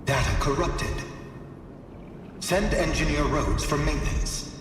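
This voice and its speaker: An actor voicing a cold, unfeeling male machine intelligence in a video game, with a metallic cyborg voice and clipped, flat announcements. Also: a little high, unhurried, background noise. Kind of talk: video game cutscene dialogue. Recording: echoey game audio with long reverb under music.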